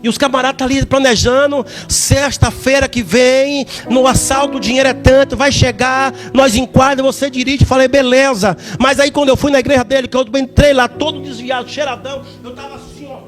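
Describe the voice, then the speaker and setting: A man giving a fervent church testimony in a sing-song preaching manner, repeating words and rising to shouts. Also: extremely high pitch, steady tone, brisk, hardly any pauses, music in the background.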